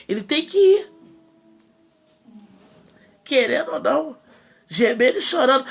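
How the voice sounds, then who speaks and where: Fiery woman pastor with a gravelly voice. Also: fairly high pitch. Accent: Brazilian Portuguese. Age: 30s. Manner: fiery, indignant, preaching in rising bursts. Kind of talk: impassioned sermon.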